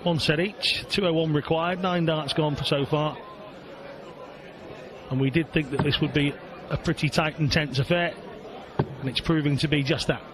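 A man giving live darts commentary in measured, short play-by-play phrases. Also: on the high side, fairly even intonation, a crowd in the background. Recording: clear background venue noise. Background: darts venue ambience.

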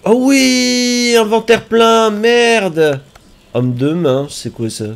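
A man streaming a game, reacting out loud with yelps and groans and talking to the enemies on screen. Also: high voice, slow, gravelly, clean tone. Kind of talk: live gameplay commentary.

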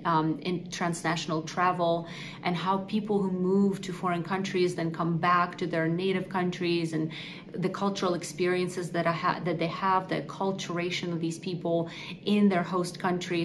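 A Ukrainian nonprofit executive speaks earnestly and articulately to camera in a prepared interview, standing against a wall in an indoor office. Her voice is on the low side, with background noise.

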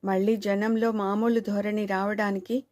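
A woman narrating a suspense novel in a steady, measured reading voice. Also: mid-range voice, dry recording, studio quality. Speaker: audiobook narrator.

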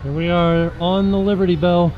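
A man's voice: sits high, steady tone, moderate pace, dull audio. A man in his thirties giving casual vlog commentary into a camera held at arm's length. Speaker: vlogger, host. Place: busy theme park, mostly outdoors. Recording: busy crowd and loud background music.

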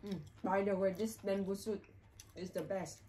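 Soft-spoken woman chatting over dinner. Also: medium pitch, steady tone, slight background noise, poor audio. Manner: soft-spoken, halting, lots of hums. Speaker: vlogger eating with her husband. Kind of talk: casual chat over a meal. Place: home kitchen or dining table.

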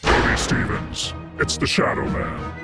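A man voicing a mysterious, powerful shadow entity who gives commanding, threatening orders in an ominous gravelly voice. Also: lowish voice, very animated, unhurried. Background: loud music.

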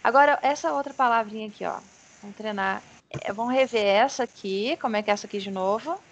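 A woman with a Brazilian Portuguese accent teaching an online English lesson, patiently explaining and modelling pronunciation slowly. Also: on the high side, highs cut off. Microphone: video call. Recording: video call with faint background noise.

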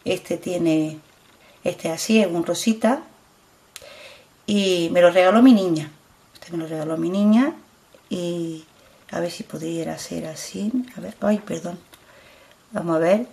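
This middle-aged woman from Spain, a beauty vlogger, speaks with a Spanish accent in a fairly low, gravelly voice with a dark tone. Unhurried and pausing often, she chats casually while showing her products on camera, repeating herself as she urges viewers to look closely.

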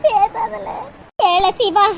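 A squeaky worried village mother. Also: fairly even intonation, drawn-out words, gravelly, a little hiss or hum, exaggerated voice. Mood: distressed. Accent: Tirunelveli Tamil. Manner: scolding, pleading. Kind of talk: amateur cartoon voice acting.

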